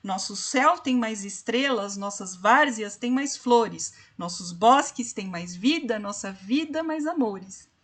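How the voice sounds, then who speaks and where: Slow-speaking woman teacher. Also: fairly high pitch, animated, a bit bright. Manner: explains slowly, counts syllables aloud, addresses students directly. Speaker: literature teacher. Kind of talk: online class lecture.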